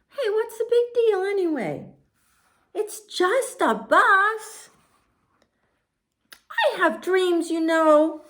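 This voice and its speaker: A woman voicing a pleading, sulky pigeon from a picture book, whiny and wheedling with drawn-out words. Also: extremely high pitch, fairly bright tone, voice pushed up, exaggerated voice. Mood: whining, indignant. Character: pleading, sulky, tantrum-throwing pigeon begging to drive. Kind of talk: storybook character voice in a read-aloud.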